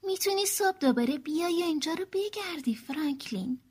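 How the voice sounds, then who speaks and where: A gentle mother turtle in a storybook, calm and comforting, as a woman reading aloud voices her. She speaks softly and reassuringly, in a high, lively voice. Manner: soft, reassuring.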